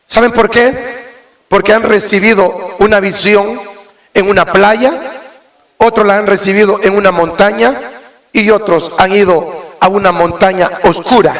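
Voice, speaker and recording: A man preaching a sermon as pastor, impassioned and often mimicking church members before rising to shouts. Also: sits high, reverberant.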